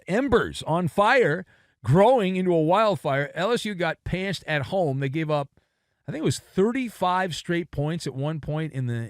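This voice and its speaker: A man's voice: fairly high pitch, dry recording, studio quality. A man co-hosting a sports talk show, delivering an emphatic, sarcastic rant.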